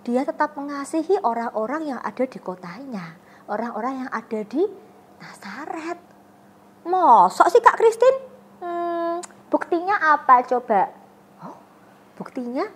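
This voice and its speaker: A woman's voice: high-pitched, fairly bright tone. A young woman teaching an online Sunday-school lesson, telling a Bible story to children and asking them questions she answers herself.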